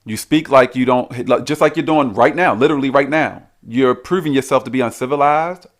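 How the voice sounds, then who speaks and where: A man's voice: medium pitch, a little fast. A man hosting his own channel, delivering an argumentative, repetitive reaction rant that keeps challenging the person he is answering. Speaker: commentary channel host.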